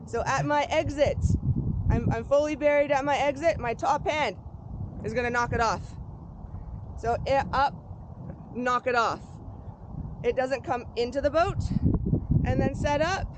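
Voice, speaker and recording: A woman coaching paddlers in an informal, encouraging way, giving careful, unhurried step-by-step instructions outdoors. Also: high voice. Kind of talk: hands-on sports instruction. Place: outdoors on a boat. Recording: very noisy outdoor recording.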